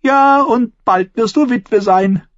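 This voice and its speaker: Lysa, a shrill imperious aunt done by a man. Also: expressive, moderate pace, no room sound, lo-fi sound. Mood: scheming. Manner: high-pitched, scolding, vehement. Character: shrill, imperious aunt, a noblewoman, middle-aged and hateful.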